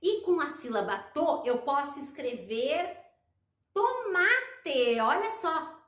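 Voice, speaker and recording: A Brazilian woman teaching children letter sounds, slow and encouraging, drawing out each syllable. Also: sits high, very animated, fairly bright tone, roomy sound. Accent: Brazilian Portuguese. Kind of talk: children's phonics lesson.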